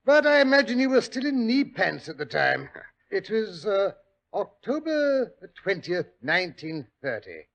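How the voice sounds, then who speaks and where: An actor playing a genial, chatty old English doctor with a British accent and a fussy storyteller's manner in a 1940s radio drama. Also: male voice, sits high, sing-song, unhurried, gravelly, fairly bright tone, dull audio, heavily acted. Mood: reminiscing. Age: older.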